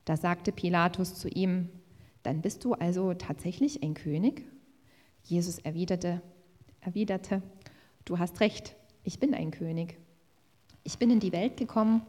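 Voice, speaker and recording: Woman, scripture reading, measured delivery, warm mellow tone, long hall reverb. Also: lowish voice. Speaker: scripture reader. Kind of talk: Bible reading aloud.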